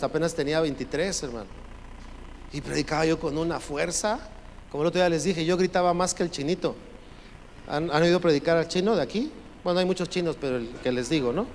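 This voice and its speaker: A man preaching a sermon as pastor, emphatic and urging the congregation to repeat his phrases. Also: fairly high pitch. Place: church sanctuary. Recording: long reverb from a church hall, faint noise.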